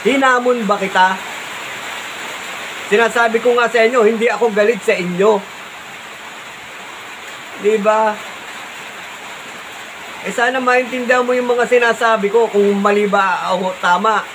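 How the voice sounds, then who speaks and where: Man, Filipino accent, high voice, insistent, repetitive vlogger, noisy waterfall behind. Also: a little slow, long pauses. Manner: repeats himself, calm but insistent, with frequent "diba?" and "no?" tags. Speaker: vlogger answering a critic. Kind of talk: spoken reply vlog.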